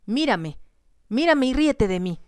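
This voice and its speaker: Lady reading as a teary young bride, whispered role-play, soft and shaky, smooth voice. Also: a little high, very animated, a little slow, no room sound, clean studio sound, pitched above the performer's own voice. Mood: pleading. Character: heartbroken young bride, pleading and proud.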